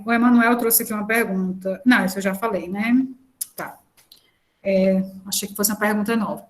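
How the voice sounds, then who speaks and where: A woman giving an online lecture in a conversational way, with frequent fillers and restarts. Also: mid-range voice.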